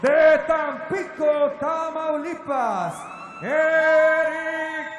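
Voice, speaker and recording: A man with a Mexican accent announcing fights like a lucha libre announcer, rattling off details and stretching names into dramatic shouts. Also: extremely high pitch, very slow, lo-fi sound. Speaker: ring announcer. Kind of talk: lucha libre style ring announcing in Spanish. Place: fight cage in an arena. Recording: echoey arena PA with crowd noise.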